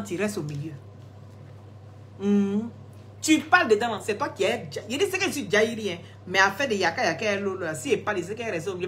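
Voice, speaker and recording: A woman with a fairly high, fairly bright voice hosts a relaxed live stream for her skin products, recorded on a phone. She banters with viewer comments, teasing and laughing often, and there's slight background noise.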